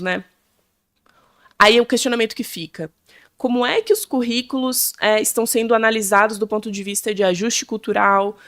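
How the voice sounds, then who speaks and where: A woman's voice: a little high, a bit bright, dry recording. Earnest Brazilian woman panelist, dry sound. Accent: Brazilian Portuguese. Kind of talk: panel talk.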